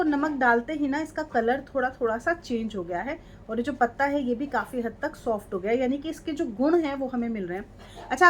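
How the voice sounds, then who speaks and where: A woman chatting casually through a home beauty remedy, often checking in the viewer. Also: high-pitched. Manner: chatty, repeats "ठीक है" and "ये देखो". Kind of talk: casual how-to demonstration. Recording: light background noise.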